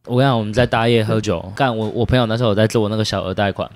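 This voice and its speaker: A man, a podcast guest telling stories in a brash, animated way and swearing often. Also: on the low side, very fast. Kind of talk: casual storytelling.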